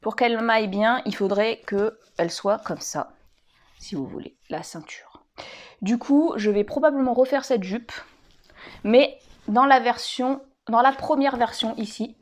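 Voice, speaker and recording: A woman's voice: on the high side, unhurried. A woman, chatting casually and rambling a little as she shows her sewing projects. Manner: chatty, rambling, many fillers and restarts. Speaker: sewing vlogger.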